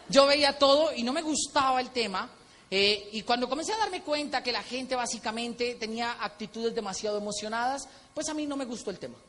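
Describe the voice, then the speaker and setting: A man with a Colombian accent telling a story at a convention, animated and acting out quotes. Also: very high voice. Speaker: motivational speaker. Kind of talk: stage talk at a convention. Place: large convention hall. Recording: echoey hall with faint noise.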